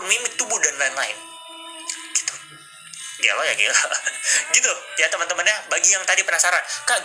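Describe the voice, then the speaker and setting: A man hosting a casual live stream, coaching viewers on public speaking and mixing English phrases into his talk. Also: fairly high pitch. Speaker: livestream host. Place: indoors at a desk with a laptop.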